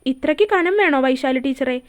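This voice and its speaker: A woman's voice: high voice, expressive, moderate pace. A woman voicing a young man in love who coaxes and teases in a story reading. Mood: coaxing. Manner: coaxing and teasing.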